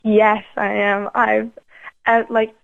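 A woman's voice: mid-range voice, flat delivery, slow, gravelly, dry recording. A teenage girl athlete being interviewed, talking eagerly with many fillers and restarts. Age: teens. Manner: enthusiastic, lots of fillers and restarts. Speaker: youth athlete guest. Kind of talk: phone interview. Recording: tinny phone line, dry.

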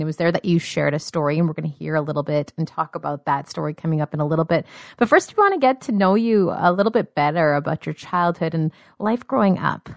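Slightly low-voiced woman radio host. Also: gravelly, dry recording. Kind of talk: scripted introduction.

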